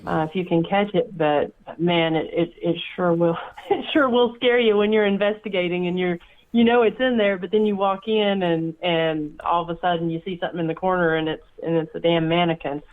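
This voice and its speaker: A man's voice: high-pitched, steady tone, a little fast. A man hosting a podcast, chatting casually with fillers and repeated words. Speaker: podcast host. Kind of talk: casual interview chat. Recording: tinny phone-like line.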